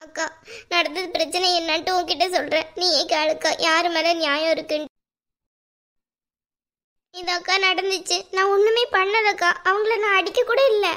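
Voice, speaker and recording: A woman's voice: very high voice, steady tone, normal speed, bright, forceful tone. A woman voicing a heartbroken young wife in a cartoon who laments through sobs. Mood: pleading. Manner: sobbing, self-pitying lament.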